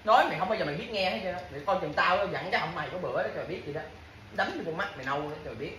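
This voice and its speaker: A scolding wife with a lowish, fairly bright voice speaks very fast at home, repeating her complaints and empty threats to her partner over and over. It's casual domestic bickering, recorded in an echoey room with faint background noise.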